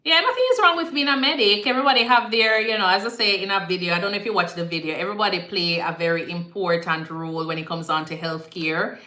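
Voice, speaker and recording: A woman's voice: medium pitch, fast, few pauses, bright, forceful tone. Jamaican woman chatting in an echoey room. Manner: chatty, repeats herself, slips into patois phrasing. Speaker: nurse hosting a live Q&A. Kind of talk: casual live-stream chat answering viewer comments.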